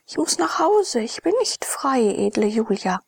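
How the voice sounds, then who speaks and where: Woman voicing a blind slave girl, humble, soft-spoken, raised pitch, husky dry voice. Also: big pitch swings, measured pace, no echo, full character voice. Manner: soft, deferential.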